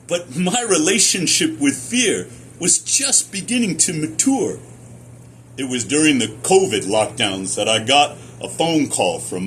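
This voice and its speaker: A middle-aged American man giving a personal testimonial in a deliberate, emphatic storytelling manner with short repeated phrases. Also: mid-range voice, a bit bright, slight background noise. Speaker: speaker sharing personal experience, former academic researcher.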